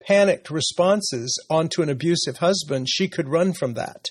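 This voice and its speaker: A man's voice: a little high, moderate pace. A middle-aged man, an interview guest, talking about his family in an earnest, reflective way with some hesitation. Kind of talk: personal story in conversation.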